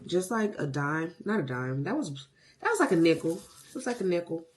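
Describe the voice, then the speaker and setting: This beauty vlogger films a hair tutorial at home, talking casually and fairly quickly with big swings in her medium-pitched voice. Her slang is sassy, playful and self-hyping, and the recording picks up noticeable background noise and clicks.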